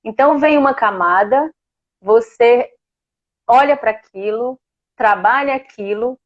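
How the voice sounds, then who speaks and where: A woman's voice: fairly high pitch, unhurried, highs cut off. A woman with a Brazilian Portuguese accent, a guest telling a personal story in a heartfelt, emotional way. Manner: heartfelt, emotional, laughs now and then. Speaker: guest sharing a personal experience.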